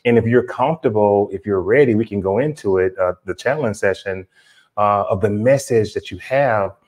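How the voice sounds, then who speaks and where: A man hosting a casual spiritual interview, explaining and asking in a halting way. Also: on the low side, a little mellow. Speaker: interview show host.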